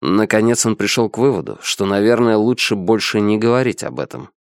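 A man's voice: fairly low pitch, a little fast, clear, resonant tone, dry recording. Man with a dry, close narration voice. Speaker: audiobook narrator. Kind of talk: scripted narration.

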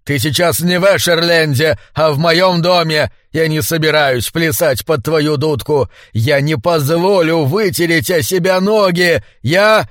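A man voicing a haughty, bad-tempered old man in a wheelchair, domineering and prone to shouting, in an audiobook. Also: on the high side, lively intonation, unhurried, no room sound, clean studio sound. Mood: furious. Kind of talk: audiobook character voice.

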